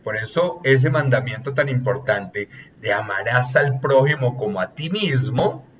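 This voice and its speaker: A man's voice: medium pitch, animated, a little slow, slight background noise. Earnest man, muffled recording. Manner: earnest, teacherly, lists points, often says "etcétera". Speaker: relationships consultant, guest. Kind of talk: explanatory coaching talk.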